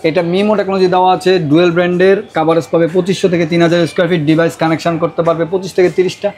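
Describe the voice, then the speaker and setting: Fast, high-pitched Bangladeshi hard-sell salesman. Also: flat delivery, darkish tone. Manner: insistent, repeats prices and limited-time offers. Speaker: router seller presenting deals.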